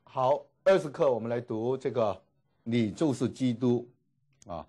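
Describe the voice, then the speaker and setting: A man teaching a classroom lecture, repeating each word slowly and filling pauses with drawn-out particles. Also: medium pitch, mellow. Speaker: Greek language teacher. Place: classroom with students.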